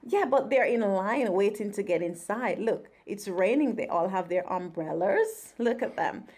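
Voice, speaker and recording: A woman reads a picture book aloud to her young child in a casual, encouraging story time, chatting along and echoing the child's words. Her mid-range voice is animated, a little mellow, and at normal speed.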